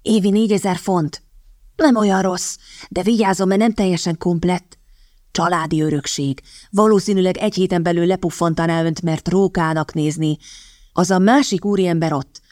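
A woman reading the lines of a sardonic young gentleman in an audiobook, in a drawling, teasing tone of mock courtesy. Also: fairly low pitch, fairly even intonation, dry recording, clean studio sound, close to an everyday voice. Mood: whispering gossip.

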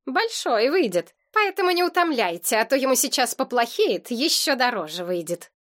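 Haughty fox-woman nurse, stern and brisk, read by a woman in an audiobook, high voice. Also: big pitch swings. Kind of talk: audiobook character reading.

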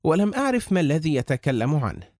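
Expressive male audiobook narrator. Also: fairly high pitch, quick pace, dry recording, studio quality. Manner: expressive storytelling.

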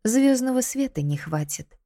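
A woman's voice: on the high side, big pitch swings, moderate pace, mellow, dry recording, studio quality, pitched above the performer's own voice. A woman doing a defiant young captive. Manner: strained, defiant.

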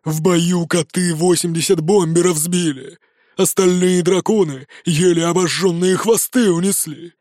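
Man doing a storybook hyena commander: scheming, gloating, bossy, and a touch higher than average. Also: fairly even intonation, unhurried, a little mellow, no room sound, studio quality. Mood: scheming commands.

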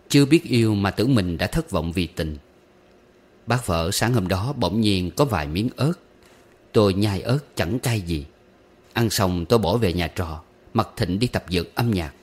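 A man with a fairly low voice reads a short story aloud in an audiobook style. His telling is wistful and gently humorous, and he slips into verse recitation now and then. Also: animated, normal speed. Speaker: narrator.

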